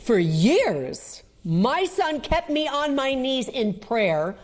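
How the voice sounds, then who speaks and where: A mother giving a slow, earnest and devout personal testimony about praying for her son. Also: high voice, big pitch swings. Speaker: mother of the interviewee.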